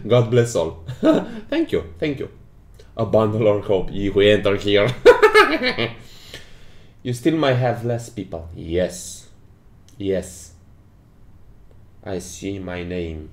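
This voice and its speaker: With huge swings in his lowish voice, a young non-native English speaker in his 20s takes his time, leaving long pauses. He's a game developer hosting a casual stream, giggly and quick to laugh while reading the chat aloud. The audio carries a roomy echo.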